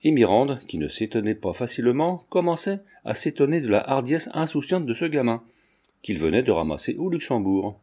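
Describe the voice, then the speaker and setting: A male narrator reads a classic novel in steady, measured storytelling. His voice is mellow and warm, sitting at an average pitch for a man. The delivery stays even and unhurried. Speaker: audiobook narrator. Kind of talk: scripted narration of a 19th-century novel.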